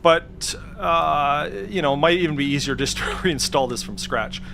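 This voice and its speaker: Indoors at his computer, a tech video creator does a casual, unscripted screen-share walkthrough, hesitant and thinking aloud with the odd mild swear. His voice is fairly high with vocal fry, moving at a moderate pace, and there's background noise.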